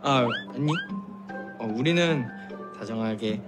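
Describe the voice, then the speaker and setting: A young man playing a lovestruck, whiny and excitable high school boy in a youthful TV drama, expressive and pleading. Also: slow pace, over loud music, close to an everyday voice. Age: young adult. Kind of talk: Korean television drama acting, youthful comedy.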